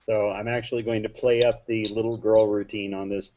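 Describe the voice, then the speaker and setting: A man playing in a tabletop game, speaking in a steady, matter-of-fact way. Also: on the low side, a little fast, a little hiss or hum. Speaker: player. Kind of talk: tabletop role-play. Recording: dull lo-fi recording.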